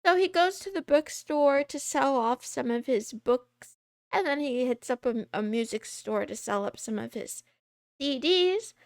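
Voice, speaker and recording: A woman's voice: high voice, animated, measured pace, dry recording. A woman streamer chatting casually through a voice changer, rambling and laughing often as she talks. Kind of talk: casual chat.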